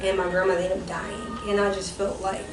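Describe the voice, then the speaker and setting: A young woman who founded a ministry shares a personal testimony during a casual chat, speaking softly in a mid-range voice with little pitch movement and a fairly quick pace. She rambles and corrects herself as she goes. The distant mic captures a roomy, echoey sound with background noise.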